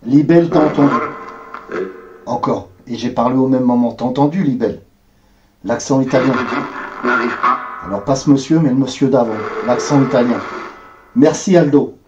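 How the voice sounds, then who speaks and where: A man's voice: mid-range voice, normal speed, long pauses, muffled recording, background noise. A man streaming ghost hunts live, talking in a hesitant, rambling way. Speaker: paranormal livestreamer. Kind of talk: livestream talk.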